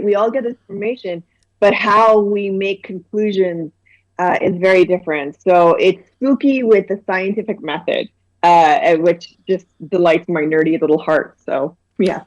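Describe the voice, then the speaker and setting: A children's book author from Guyana, here as an interview guest, chats animatedly and casually, restarting often and using many fillers. Her voice is fairly low with a darkish tone, in a muffled recording without room sound.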